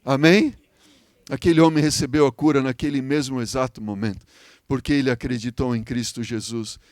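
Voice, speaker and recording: A Brazilian man preaching a sermon as pastor, telling a story with emotion, swinging from loud appeals to soft, hushed lines and asking the congregation "Amém?". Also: mid-range voice, steady tone, a little fast, no echo. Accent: Brazilian Portuguese.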